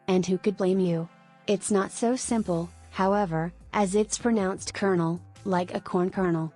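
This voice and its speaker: A woman giving a scripted explainer on tricky words, clear and lightly playful. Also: medium pitch, steady tone, unhurried, mellow. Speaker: narrator. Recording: faint background music.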